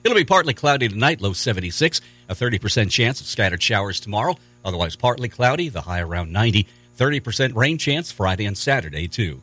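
A man delivering a scripted radio weather forecast in a husky voice. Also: on the low side, big pitch swings, fast, bright, forceful tone.

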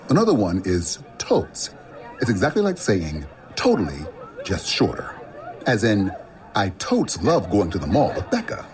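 A man's voice: fairly low pitch, a little mellow, far from the mic. A man playing an earnest, awkwardly uncool parent giving a lesson in a comic radio ad. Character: earnest parent explaining teen slang, mimicking teenagers. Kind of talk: comic public service ad monologue.

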